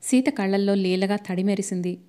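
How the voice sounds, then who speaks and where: Mellow woman narrating a novel. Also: medium pitch, fairly quick. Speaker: audiobook narrator.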